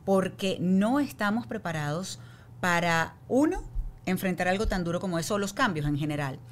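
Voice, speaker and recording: A woman's voice: on the low side, expressive, moderate pace, a little hiss or hum. A woman hosting a podcast, chatting and affirming her guest. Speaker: podcast host. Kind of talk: casual interview chat.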